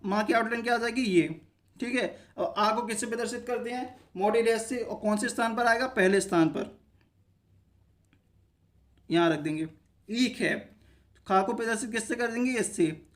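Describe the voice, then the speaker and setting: A man with a very high-pitched, fairly bright voice teaches a shorthand lesson. He explains each step by posing short questions to himself and answering them, often pausing to check viewers are following.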